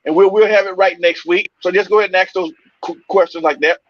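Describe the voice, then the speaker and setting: A man co-hosting a casual talk show from a remote line. His voice comes through metallic and robotic, with feedback. He talks in a halting, loose way, full of fillers. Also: high voice, steady tone, a little hiss or hum. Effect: robotic, metallic-sounding connection with feedback. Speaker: co-host calling in remotely. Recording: muffled remote call line.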